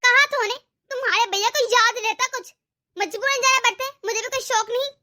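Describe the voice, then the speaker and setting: A woman voicing a meek, hardworking young daughter-in-law in an animated family drama, speaking politely and defending herself. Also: very high-pitched, brisk.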